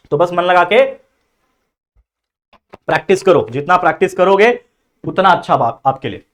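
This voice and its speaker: A man tutoring students in exam grammar, explaining step by step and checking in often with "okay?". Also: sits high. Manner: reads example sentences slowly and deliberately. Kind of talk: exam-prep grammar lesson.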